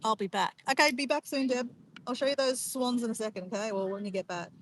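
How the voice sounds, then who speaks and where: An Australian woman with an Australian accent hosts a livestream outdoors in nature near water, chatting in a casual, rambling, informal way. Her voice is a little high and quick, picked up by a phone or camera on a tripod. The outdoor livestream is noisy, with clear background noise.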